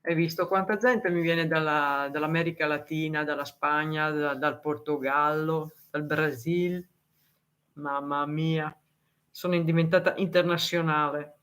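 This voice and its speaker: Slow-talking Italian woman chatting with live viewers. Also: low voice, steady tone, a bit bright. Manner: chatty, laughs often, reads and answers comments; deliberately slow, careful speech for foreign viewers. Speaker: live streamer. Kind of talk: casual live-stream chat with viewers.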